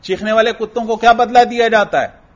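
A man giving a classroom lecture on Arabic grammar as a religious teacher, chanting verses slowly and putting questions to his students. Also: sits high, fairly even intonation. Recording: dull lo-fi lecture recording.

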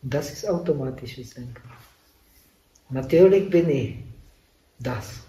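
A man, a Buddhist monk, giving a dharma talk at a meditation retreat in non-native German, halting with many pauses and fillers. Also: medium pitch, animated, warm tone. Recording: echoey room, voice from a distant mic.

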